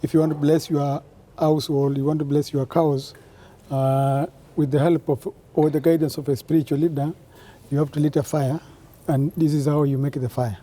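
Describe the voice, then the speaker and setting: A man's voice: a little high, level tone, moderate pace, warm tone. A man from Tanzania, part of a Maasai delegation, explaining things in a documentary interview with hesitant fillers.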